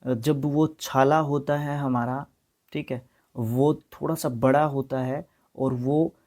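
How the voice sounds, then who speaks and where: A man from Haryana with a Haryanvi accent, teaching English vocabulary in a recorded exam-prep lesson. He mixes Hindi and English, reading each word slowly and spelling some out letter by letter. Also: medium pitch, steady tone, a little mellow. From Haryana, India. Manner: reads words slowly and spells them out, mixing Hindi and English.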